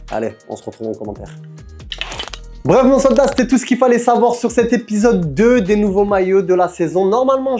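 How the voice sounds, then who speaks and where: Young male host, mellow voice, chatty and enthusiastic, product showcase to camera, light music bed. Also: fairly high pitch. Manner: chatty, addresses viewer as "mon soldat"; enthusiastic, exclamatory verdicts. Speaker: host presenting football jerseys. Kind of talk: casual product showcase video.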